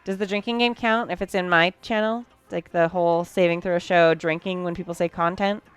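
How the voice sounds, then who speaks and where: A woman's voice: fairly low pitch, steady tone, fairly quick, smooth, faint music behind. A woman streaming live from her sewing room late at night, tired, chatting casually with her viewers as she sews. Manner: chatty, talks to chat while working.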